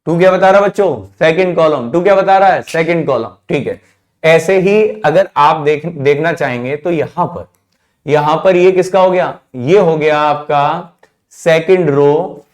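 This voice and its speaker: A man teaching a math class, who keeps asking the students questions and then answers them himself, repeating the key terms. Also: fairly high pitch. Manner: calls students "children", drops his voice at answers. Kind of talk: classroom lecture.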